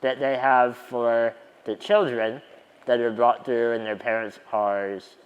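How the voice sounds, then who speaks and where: A man's voice: mid-range voice, steady tone, slow, clear, resonant tone, long reverb tail, poor audio. A man in his twenties telling stories in a conference keynote, with a wry, self-deprecating humor. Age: 20s. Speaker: keynote speaker. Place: conference stage.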